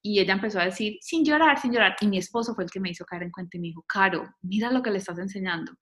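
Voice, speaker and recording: Bright-voiced thoughtful mother. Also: mid-range voice, very fast. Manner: thoughtful, animated when quoting, frequent fillers. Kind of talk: casual conversation.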